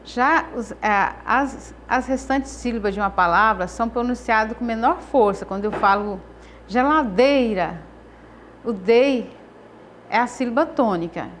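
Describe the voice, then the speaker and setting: Woman teacher stressing syllables slowly. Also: a little high, fairly bright tone, a little hiss or hum. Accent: Brazilian Portuguese. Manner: slow, stresses syllables, repeats phrases. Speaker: Portuguese teacher. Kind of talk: recorded class lesson.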